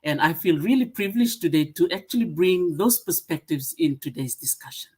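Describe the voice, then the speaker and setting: A middle-aged woman from Fiji giving a webinar presentation, pausing often with "uh" as she lists her points. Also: lowish voice, lively intonation, husky. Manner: many "uh" fillers, warm greetings, listing points. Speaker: museum association secretary-general speaker.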